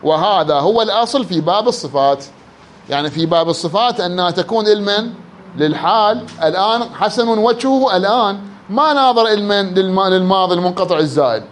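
Male grammar teacher with an Iraqi accent, high-pitched. He quizzes the class and draws out example words slowly. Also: slight background noise. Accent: Iraqi Arabic. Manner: quizzes students, drawls words out slowly to illustrate. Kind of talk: classroom lesson.

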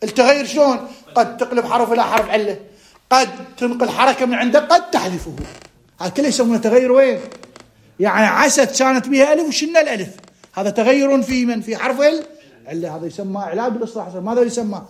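A man with an Iraqi Arabic accent teaching a grammar class, quizzing his students with quick rhetorical questions and drawing out key words for emphasis. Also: very high-pitched. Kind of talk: classroom lecture.

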